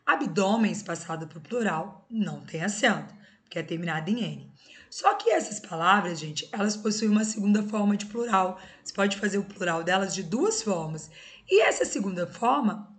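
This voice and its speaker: A woman's voice: mid-range voice, expressive, moderate pace. A woman teaching an exam-prep grammar lesson, explaining step by step and often checking in with her students. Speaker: Portuguese teacher.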